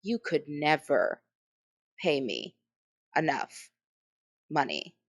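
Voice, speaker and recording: A woman's voice: sits low, big pitch swings, takes it slowly. A woman co-hosting a podcast in casual chat, emphatic, with frequent restarts and asides. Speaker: podcast co-host.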